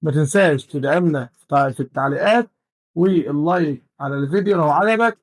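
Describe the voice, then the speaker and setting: Egyptian math teacher guy, high voice, talks fast, dead dry sound. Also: dry recording, low-quality recording. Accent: Egyptian Arabic. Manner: counts values aloud step by step. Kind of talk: exam-prep math lesson.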